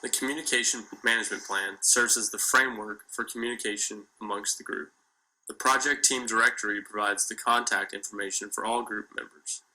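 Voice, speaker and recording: Bright-voiced young man reading a presentation. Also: lowish voice, rough recording. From Kentucky. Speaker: student presenter. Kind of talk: read class presentation.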